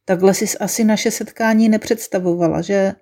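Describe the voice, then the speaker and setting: A woman's voice: medium pitch, steady tone, warm tone. Woman reading a wry first-person story. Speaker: narrator.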